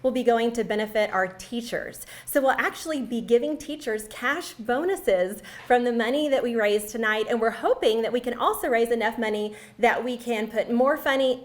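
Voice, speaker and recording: A middle-aged woman co-hosting a live charity fundraiser, speaking to the viewers. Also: fairly high pitch.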